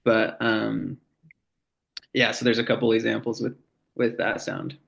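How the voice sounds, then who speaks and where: Slow-talking man explaining casually. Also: fairly low pitch, monotone, vocal fry, a bit bright. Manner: unhurried, hesitant, many fillers. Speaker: language teacher. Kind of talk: casual lesson.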